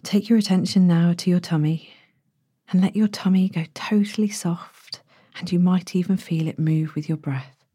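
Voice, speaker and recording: This bedtime body-scan meditation is led by a female sleep-story narrator whose low, mellow voice turns breathy and almost whispered. She soothes gently and slowly, her intonation fairly even, with no room sound in the recording.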